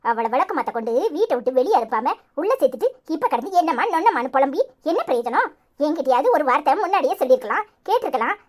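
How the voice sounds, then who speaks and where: Woman voicing a mocking, sharp-tongued cartoon mom from Tirunelveli, high and swooping. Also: big pitch swings, racing. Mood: scolding. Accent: Tirunelveli Tamil. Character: scornful scolding mother, middle-aged woman.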